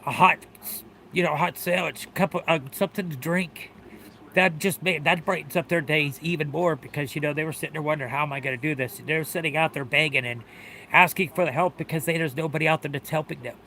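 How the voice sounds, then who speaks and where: A middle-aged man speaks earnestly to his stream with a bright, slightly high voice. He repeats himself and swears freely, sounding close to tears, with faint noise in the background. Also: fairly even intonation, quick pace, gravelly. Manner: earnest, repetitive, swears often. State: tearful. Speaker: livestreamer. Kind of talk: emotional livestream talk.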